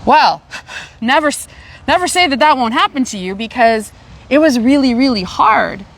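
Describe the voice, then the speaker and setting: A middle-aged Canadian woman hosts a casual podcast chat in a high, animated voice at a moderate pace. She talks with energy and repeats words as she searches for them.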